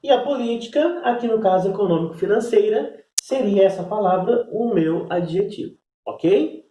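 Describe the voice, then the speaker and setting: A man's voice: sits high, animated, moderate pace, dark tone, roomy sound, distant mic. A man teaching a class, explaining step by step and checking in with "né?" as he goes. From Brazil. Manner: explanatory, repeats "né?" and "então". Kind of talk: recorded class lesson.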